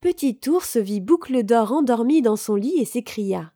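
A woman reading a children's story aloud, slowly and expressively, with clear articulation. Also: on the high side, lively intonation, dark tone, no echo.

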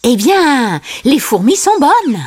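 A woman reading aloud, voicing a chatty, bossy little male meerkat who talks fast and sounds very sure of himself. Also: high voice, sing-song, a little mellow, voice pushed up, heavily acted. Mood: cheery.

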